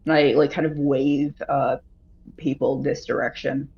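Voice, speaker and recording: A man playing a tabletop role-playing game, talking casually in a halting, deliberate way. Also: medium pitch, little pitch movement, a little mellow, slightly rough, lo-fi sound.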